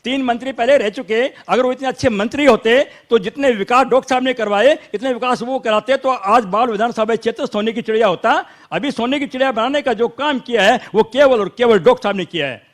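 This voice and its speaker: High-voiced insistent Haryanvi man. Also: fairly quick, hardly any pauses. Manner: insistent, argumentative, interrupts to defend his side. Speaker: local supporter of the minister on a debate panel. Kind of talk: heated panel debate.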